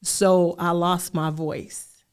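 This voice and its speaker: A middle-aged woman shares her story as a podcast guest, taking her time over each phrase. Her voice sits somewhat low and comes through smooth and clear, in a measured, open manner. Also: little pitch movement. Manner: slow, measured, candid. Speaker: guest, life coach. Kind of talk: podcast interview.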